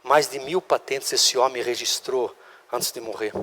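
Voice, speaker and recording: A man's voice: medium pitch, steady tone, measured pace, fairly bright tone. A man with a Brazilian Portuguese accent teaching a class on legal public speaking, emphatic, restarting words and asking the class questions. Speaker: law school oratory instructor. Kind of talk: classroom lecture. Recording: long reverb of a hall.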